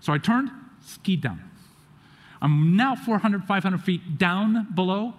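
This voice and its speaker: A man telling a family story to an audience, acting out what others said in lively quoted voices. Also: sits high, takes it slowly. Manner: animated, acts out quotes of others. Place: auditorium. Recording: long hall reverb.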